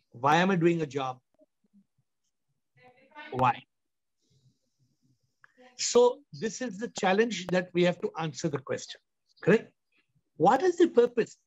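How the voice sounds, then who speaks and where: A man in his fifties with an Indian accent leads a spiritual question-and-answer session. His voice is high for a man, and he repeats questions for emphasis. The sound is dull, compressed video call audio. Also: expressive, unhurried, long pauses. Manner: emphatic, repetitive, rhetorical questioning. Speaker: host and spiritual teacher.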